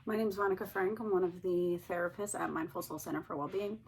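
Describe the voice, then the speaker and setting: A woman therapist calmly and gently guiding listeners through a grounding exercise. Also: on the low side, fast, a little hiss or hum, rough recording. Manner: calm, gently instructing. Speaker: therapist teaching a technique. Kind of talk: calm guided grounding exercise.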